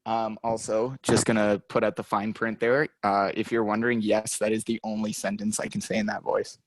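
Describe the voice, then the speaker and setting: A man in his twenties co-hosting a podcast, chatting casually with quick self-mocking asides. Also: fairly low pitch, level tone, no room sound. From Canada. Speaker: podcast co-host. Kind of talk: casual chat.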